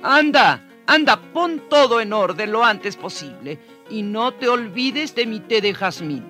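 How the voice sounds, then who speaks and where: A man's voice: high voice, lively intonation, a little slow, bright, forceful tone, faint music behind, voice pushed up, exaggerated voice. A man voicing a bossy, grumbling husband who scolds his wife in a children's radio story. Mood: scolding. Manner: scolding, demanding.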